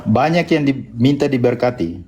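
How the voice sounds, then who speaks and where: A man in a live debate, pleading with his opponent, repeating himself and asking for calm. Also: mid-range voice, moderate pace. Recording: faint background noise.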